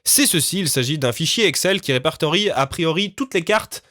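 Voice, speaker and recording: A man explaining his voice-recording work in a relaxed, casual vlog, often pausing on fillers. The sound is dry and close. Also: on the high side, no echo. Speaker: game developer and voice actor.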